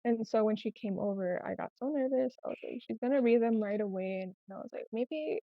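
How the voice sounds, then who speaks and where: A slightly high, slightly quick female voice belongs to a small business owner appearing on a podcast, with Spanish as her first language. She recounts her own stories in a relaxed, candid manner. The sound is roomy with echo and a bit dull.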